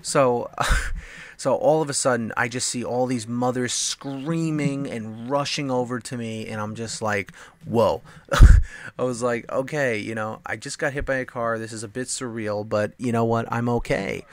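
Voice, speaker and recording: A man's voice: medium pitch, fairly even intonation, normal speed, no room sound. A young man casually telling a long personal story over gameplay, rambling with lots of fillers. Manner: rambling, filler-heavy, acts out quoted voices. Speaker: gameplay commentator.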